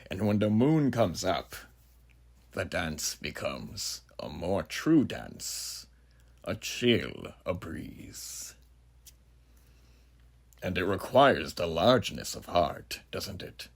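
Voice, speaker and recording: In a heavily acted horror monologue, a man plays a huge, ageless, sinister judge, a menacing male drifter who philosophizes ominously and grandly, with rhetorical questions to the listener. His deep voice is gravelly and husky, breathy at phrase ends, with big pitch swings and a slow pace.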